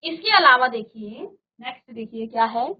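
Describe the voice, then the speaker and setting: Woman teacher, high voice, unhurried, patient drills of word pairs, slightly dull studio sound. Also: animated. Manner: slow, patient, repeats word pairs and asks rhetorical questions. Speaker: Hindi teacher. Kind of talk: virtual classroom grammar lesson.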